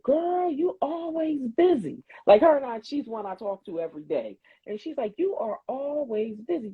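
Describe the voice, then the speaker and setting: A woman who works as a therapist and CPR instructor co-hosts a podcast, telling stories in animated, casual chat while swearing freely and acting out what others said. Her mid-range voice is slightly rough, heard over a tinny, phone-like line that is dry with no room sound.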